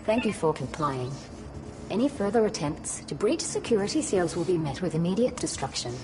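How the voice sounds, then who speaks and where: Low, officious security machine. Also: female voice, big pitch swings, normal speed. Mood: coldly threatening. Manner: formal, clipped official announcements. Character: stern automated security machine, officious and politely menacing. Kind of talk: video game voice acting. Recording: music behind the voice.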